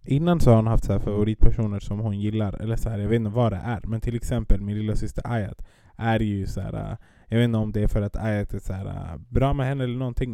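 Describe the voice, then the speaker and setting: A man's voice: lowish voice, warm tone, no room sound. A young-sounding man telling a casual story about his baby with lots of fillers, speaking. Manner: laid-back storytelling with frequent fillers. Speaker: parent. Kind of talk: casual chat.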